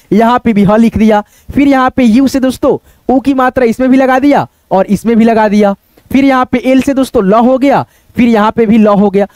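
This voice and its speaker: High-voiced man teaching spelling step by step. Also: darkish tone, no room sound. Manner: patient, repetitive, addresses viewers as friends. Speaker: English teacher. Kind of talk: online spelling lesson.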